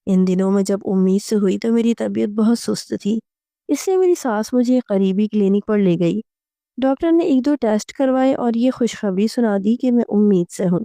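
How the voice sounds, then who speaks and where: A woman narrating a romantic audio novel in the first person, in a steady, even storytelling manner. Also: mid-range voice, no room sound, clean studio sound.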